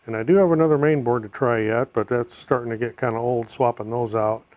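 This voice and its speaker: A middle-aged American man narrating a hands-on repair casually, in a low-key way, as if muttering to himself while he works. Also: fairly even intonation, a little fast, a little mellow, muffled recording. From United States. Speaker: DIY repair video host. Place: home room, indoors.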